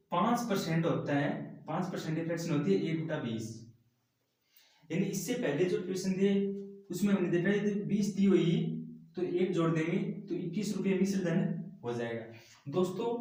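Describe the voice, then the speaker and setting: A male math teacher works through a problem step by step, often turning to the class as friends. His voice sits a little high for a man. It rings through a very echoey room and sounds set back from the microphone. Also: darkish tone. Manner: explains step by step, often addresses listeners as friends. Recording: very echoey room, mic at a distance.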